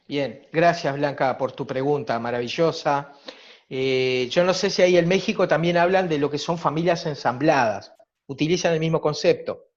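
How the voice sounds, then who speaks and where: A man's voice: on the high side, normal speed. A man with a Uruguayan accent, a psychologist giving a reflective, explanatory talk at a virtual conference. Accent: Uruguayan Spanish. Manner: reflective, explanatory, rhetorical tag questions. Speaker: psychologist lecturer. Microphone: video call. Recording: dull lo-fi video call audio.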